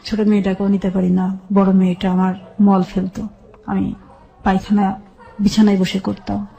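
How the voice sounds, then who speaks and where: A middle-aged Bangladeshi-accented woman, a radio interview guest, plainly and sombrely recounts her life step by step as personal testimony. Her mid-range voice is creaky and dark, completely flat in delivery, at a moderate pace. The recording quality is low.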